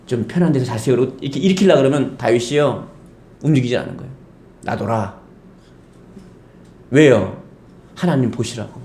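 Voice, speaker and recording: An emphatic male pastor preaches a Sunday sermon and keeps asking the congregation rhetorical questions. His fairly high voice swings widely in pitch. It echoes around the church sanctuary. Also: darkish tone.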